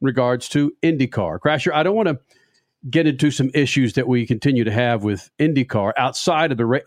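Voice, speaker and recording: A man hosting a motorsports radio show, brash and animated, talking. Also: fairly high pitch, no echo, studio quality. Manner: brash, animated, swearing casually.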